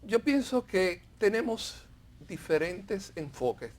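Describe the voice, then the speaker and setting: A man giving formal, measured, institutional answers as a diplomat guest in an interview. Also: sits high, very animated.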